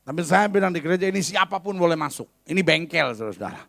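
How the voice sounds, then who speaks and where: A man's voice: on the high side, lively intonation, fast talker, creaky, fairly bright tone. A male pastor preaching a sermon in a conversational, humorous, emphatic way.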